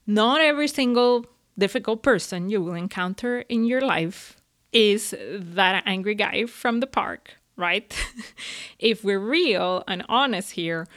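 A woman's voice: fairly high pitch, no echo, studio quality. Chatty woman giving casual advice. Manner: chatty, uses many fillers, laughs often. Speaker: self-help speaker.

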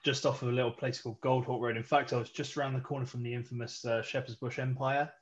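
A man's voice: mid-range voice, little pitch movement, quick pace. A man hosting a podcast, laid-back and sweary, laughing often. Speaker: podcast host. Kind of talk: casual chat. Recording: dull lo-fi audio.

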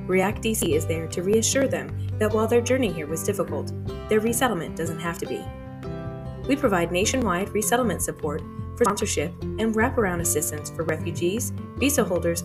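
Woman host reading a podcast intro. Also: lowish voice. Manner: clear, measured reading of a prepared script. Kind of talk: scripted podcast intro and interview. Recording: music bed under the intro.

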